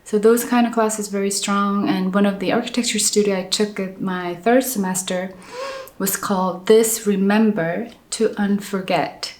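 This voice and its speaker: A middle-aged architect from South Korea reflects on her life in an interview, speaking with a Korean accent. She is halting and thoughtful, with many restarts and soft fillers. Her voice is medium-pitched with fairly even intonation, and the room is reverberant.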